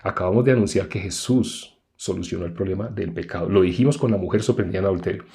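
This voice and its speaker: A man's voice: low-pitched, fast, creaky, mellow. A man preaching a conversational sermon. He explains step by step and often asks rhetorical questions.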